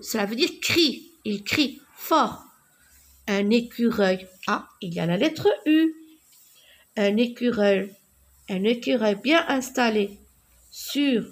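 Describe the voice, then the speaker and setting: A woman teaching young children to read, slowly repeating words and sounding out letters. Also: on the high side. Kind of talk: reading lesson for young children.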